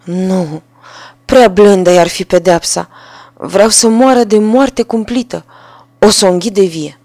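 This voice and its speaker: A woman's voice: medium pitch, dry recording, lightly acted. A woman voicing a ruined, angry peasant carter who wails over his losses in a storybook reading. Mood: lamenting. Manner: wailing laments, loud.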